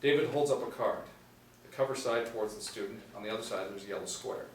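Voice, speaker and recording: Reading stage directions fast in a lowish voice, a middle-aged man narrates for a seated screenplay table read. It's a small indoor room, and the faraway mic picks up a roomy sound and a little room noise.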